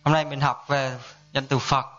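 A man's voice: mid-range voice, flat delivery, normal speed, a bit bright, a little hiss or hum. A Buddhist monk teaching a dharma lesson in a conversational way, often asking his listeners to confirm. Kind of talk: dharma class lecture. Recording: dull lo-fi sound.

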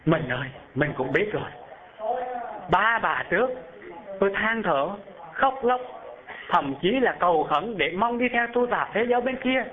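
A man's voice: sits high, animated, normal speed, long pauses, voice pushed up. A man voicing a dying old husband who pleads and laments with his wives, heard over a phone-like narrow band. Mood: lamenting.

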